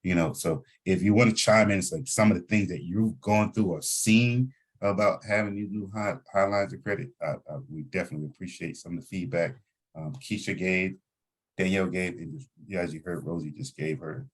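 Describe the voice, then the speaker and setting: A man's voice: sits low, fairly quick. A man hosting a group voice chat meeting, coaching listeners and repeating his key points to drive them home. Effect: group voice chat audio. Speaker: host of an online financial team meeting. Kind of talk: coaching a group over a voice call.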